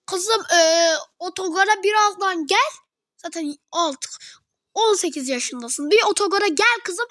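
A woman voicing a fussy mother who calls her daughter with hurried, bossy instructions. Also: very high-pitched, a bit bright, dry recording, clean studio sound.

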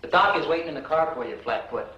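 An actor playing a shifty young chauffeur with slangy, wisecracking talk in a 1950s film. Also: male voice, on the high side, lively intonation, quick pace, pushed and bright. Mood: sardonic. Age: young adult. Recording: muffled old film soundtrack, faint noise.

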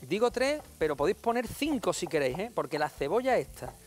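High-voiced TV chef, jokey. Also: male voice, sing-song, brisk, faint music behind. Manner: playful and jokey, addressing viewers as family. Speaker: TV cooking show chef. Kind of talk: chatty cooking demonstration. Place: TV studio kitchen.

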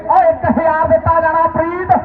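A man's voice: very high voice, flat delivery, brisk. A man with a Punjabi accent calling a village kabaddi match live, with repeated chanted lines and verse. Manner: repetitive chanted calls. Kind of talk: rural live sports commentary with chanted verse. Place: outdoor village sports ground. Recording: echoey, distant, tinny loudspeaker sound.

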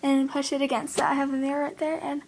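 A young woman giving a casual how-to tutorial while talking with her fingers in her mouth, chatty and halting with lots of fillers. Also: high voice, monotone, darkish tone. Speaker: vlogger. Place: indoors at home, windy outside. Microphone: device mic.

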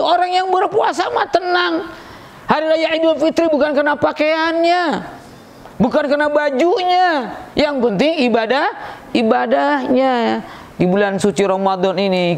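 A middle-aged man, giving a humorous Ramadan sermon. He tells jokes, acts out the voices in his stories, and jumps up high and loud to stress a point. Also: animated, moderate pace, vocal fry. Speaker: preacher at a school Ramadan program.

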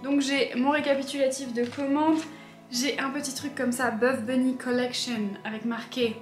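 A woman vlogger chatting to camera in a casual, excitable way, with frequent hesitations. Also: high-pitched, moderate pace. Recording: echoey room with faint music.

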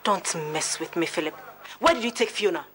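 A woman's voice: fairly low pitch, moderate pace, lightly acted. An actress with a Ghanaian accent playing a jealous, domineering and wounded woman in love in a film drama, speaking emphatically. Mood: angry, threatening. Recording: loud music behind film dialogue.

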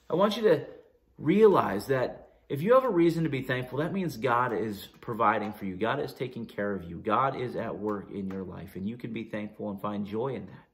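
A man with a Canadian accent preaching a sermon as pastor, earnest, with frequent restarts and rising emphasis on key phrases. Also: mid-range voice.

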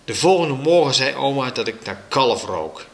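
A man reading a children's book aloud with slow, expressive storytelling. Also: mid-range voice.

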